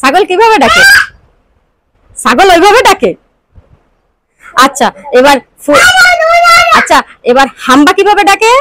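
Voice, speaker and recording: A woman's voice: extremely high pitch, big pitch swings, measured pace, long pauses, raised voice, very noisy. A woman vlogger coaxing and cooing in affectionate baby talk as she feeds and plays. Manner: sing-song, affectionate coaxing.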